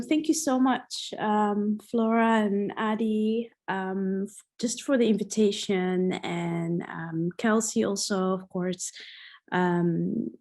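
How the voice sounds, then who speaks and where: A woman's voice: medium pitch, a little mellow. A woman researcher from the Somali diaspora, raised in the Netherlands, giving an online talk partly read from notes, speaking hesitantly with many fillers. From Somali diaspora, born in Egypt, raised in the Netherlands. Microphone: video call.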